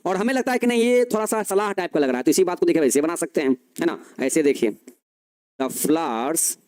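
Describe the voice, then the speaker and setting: A male teacher giving a grammar lesson, explaining slowly, repeating key phrases and answering his own questions. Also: a little high, expressive, darkish tone.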